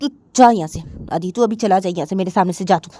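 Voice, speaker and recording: A woman's voice: high-pitched, measured pace, no echo, voice pushed up. Jiya, a woman voicing a hot-tempered young woman. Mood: furious. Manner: shouting orders, snapping.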